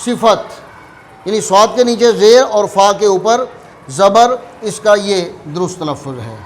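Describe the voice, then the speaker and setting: A man teaching word pronunciation in a careful, deliberate way, repeating key words for emphasis. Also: high voice, slight background noise. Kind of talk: explanatory lesson.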